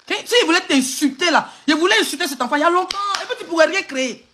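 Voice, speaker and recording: A woman's voice: extremely high pitch, rapid-fire, fairly bright tone, slight background noise. A woman with an Ivorian French accent on a phone live stream, hurling insults and mocking laughter in an angry rant.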